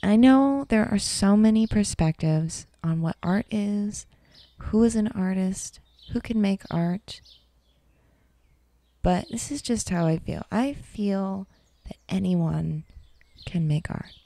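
A woman who is an artist and teacher gives a calm, reflective talk over an art demonstration. She speaks softly and unhurriedly with fillers, at a medium pitch.

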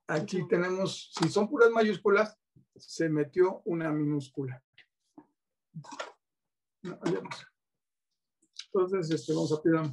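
Mexican man, high-pitched, patient teacher showing classroom materials. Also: a little hiss or hum. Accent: Mexican Spanish. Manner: patient, asks many rhetorical checks. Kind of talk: classroom-style demonstration.

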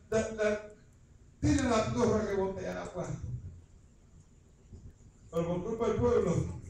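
A man with a very high, ringing voice preaches a fervent revival sermon, building to shouts. He is picked up from a distance in a large church hall, so the sound is heavily echoey, and there is noise underneath. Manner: impassioned, rising to shouts.

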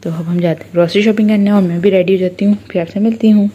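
A young family vlogger from Karachi, speaking with a Pakistani Urdu accent, chats casually to her viewers as she shows her things one by one. Her medium-pitched voice is quick and fairly even, with a dark tone, and the recording sounds muffled.

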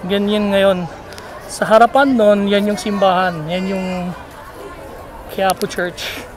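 Here a high-voiced Filipino vlogger speaks slowly and with fairly even intonation as he wanders a busy outdoor street market. Holding his phone out at arm's length, he rambles in a relaxed, chatty way with frequent fillers, while the crowd is loud in the background.

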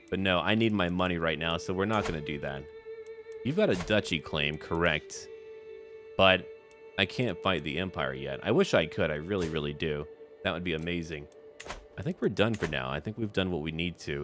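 Over background music, a man with a low-pitched, slightly bright voice comments on a strategy game. He stays casual and in character, musing aloud in brief remarks as if speaking to the characters themselves.

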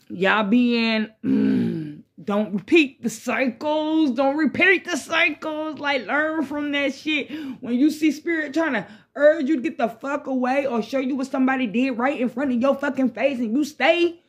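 A woman with a high voice and big pitch swings speaks a little slowly while hosting a smoke-session vlog in a small bedroom. Talking casually to a phone set at arm's length or slightly beyond, she drifts through slang and curses, repeating herself.

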